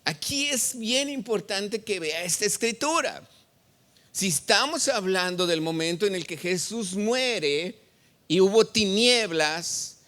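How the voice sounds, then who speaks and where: A pastor whose voice sits high with a fairly bright tone preaches a sermon in a church sanctuary. He reads and explains scripture, testing the congregation through call-and-response questions.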